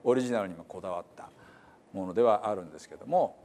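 A man's voice: fairly low pitch, very fast, warm tone. A man preaching a sermon in a church, explaining Bible translation in a conversational, explanatory way with many fillers. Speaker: pastor.

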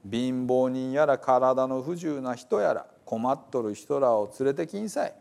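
A man with a Hiroshima dialect voicing an angry wealthy male banquet host who gives brisk orders. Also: mid-range voice, creaky, a little mellow. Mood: commanding.

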